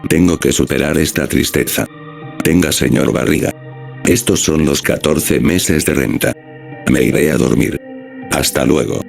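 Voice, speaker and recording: A man voicing a gruff, grieving middle-aged father, read in a plain storytelling manner over music. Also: rumbling low, steady tone, measured pace, a little mellow, full character voice. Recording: music playing underneath.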